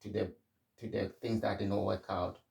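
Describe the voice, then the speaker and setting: A man's voice: lowish voice, steady tone, moderate pace, vocal fry, warm tone, roomy sound, far from the mic. A middle-aged man from Zimbabwe hosting a podcast, talking candidly in a reflective solo monologue. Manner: candid and conversational, frequent restarts. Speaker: podcast host.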